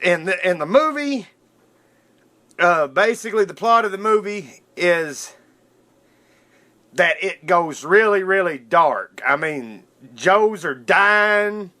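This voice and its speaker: This solo podcast host has a high, sharp-toned voice and speaks slowly but with animation. He recounts cartoon history casually, in a loose, informal, fan-like way.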